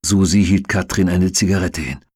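Husky, low-pitched male audiobook reader, dry booth sound, measured. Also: steady tone, darkish tone, dry recording. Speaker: audiobook narrator. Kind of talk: audiobook reading.

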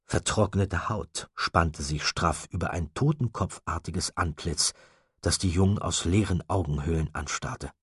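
A man reading an audiobook in a steady, measured storytelling manner. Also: low-pitched, husky, no echo, studio quality. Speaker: audiobook narrator. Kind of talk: scripted narration.

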